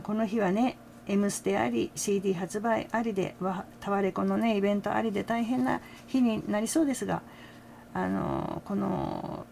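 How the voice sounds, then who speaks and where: Chatty older woman, gravelly voice. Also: mid-range voice, darkish tone, a little hiss or hum. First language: Japanese. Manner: chatty, frequent "ne" tags and small laughs. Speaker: fan channel host. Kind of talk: casual commentary to camera.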